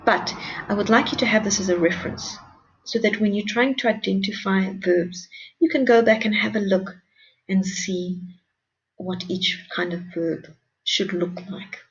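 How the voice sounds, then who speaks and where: A woman teaches a grammar lesson in a patient, encouraging way, walking through each point one step at a time. Her voice is slightly gravelly with a mid-range pitch. The recording sounds dull and lo-fi. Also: unhurried, a little hiss or hum.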